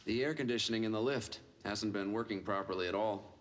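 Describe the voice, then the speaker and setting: An actor playing a chatty, folksy older caretaker, heard in a noisy film soundtrack. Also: male voice, on the low side, brisk, natural voice. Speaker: building caretaker.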